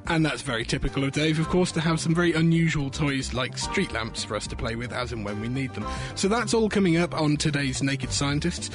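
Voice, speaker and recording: High-pitched man, bright, curious science host. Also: a little fast, few pauses, over music. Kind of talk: scripted show introduction.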